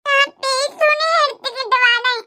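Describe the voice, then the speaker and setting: A woman's voice: very high-pitched, fairly even intonation, normal speed, bright, forceful tone, heavily acted. A woman voicing an innocent, clingy little girl in a cartoon with a Kanyakumari Tamil accent, talking in a childish, pleading way. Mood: eager. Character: small girl, innocent, clingy, easily tearful.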